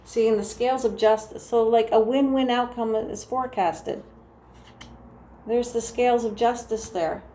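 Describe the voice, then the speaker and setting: A woman with a New Jersey accent doing a casual tarot reading, talking softly and meandering through restarts. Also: on the high side, moderate pace. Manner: soft, meandering, full of restarts and "like". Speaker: tarot reader. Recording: echoey room with faint ambient noise.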